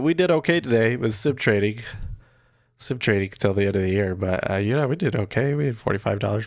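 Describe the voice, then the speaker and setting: A man hosting a day trading livestream chats casually while sounding sick, his nose blocked and congested after nose surgery. His voice is on the low side and creaky, recorded in studio quality with no echo.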